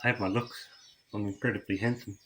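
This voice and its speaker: A middle-aged man telling his own story to camera, emotional and tearful, halting and repeating words as he goes. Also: lowish voice, steady tone, fairly bright tone, a little hiss or hum. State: crying. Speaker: vlogger.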